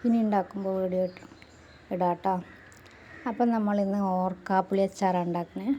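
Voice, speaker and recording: A woman's voice: medium pitch, steady tone, brisk, dark tone, highs cut off, slight background noise. Chatty woman's cooking voice-over. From Malappuram, Kerala. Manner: chatty, adds tag words often. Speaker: cooking channel host.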